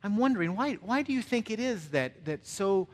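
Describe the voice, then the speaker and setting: A man voicing a friendly elderly man in his late seventies, talking lower and quieter than his own voice. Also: animated, moderate pace. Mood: curious.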